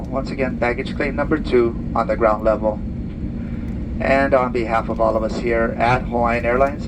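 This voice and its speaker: Male flight attendant on PA, loud cabin noise. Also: medium pitch. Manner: polite, practised, formal delivery. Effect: aircraft PA speaker. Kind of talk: cabin announcement after landing. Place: inside an airliner cabin. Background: loud aircraft cabin and engine noise.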